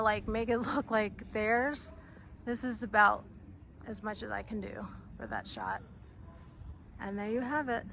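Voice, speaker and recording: A woman's voice: mid-range voice, a bit bright, a little hiss or hum. A woman vlogger giving a casual walking tour of film locations outdoors, talking tentatively and thinking aloud as she points things out. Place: outdoors on a residential street.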